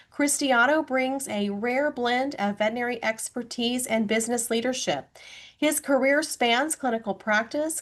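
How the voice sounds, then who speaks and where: Polished woman podcast host. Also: fairly high pitch. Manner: polished, reads from script. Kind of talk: scripted podcast intro and interview questions.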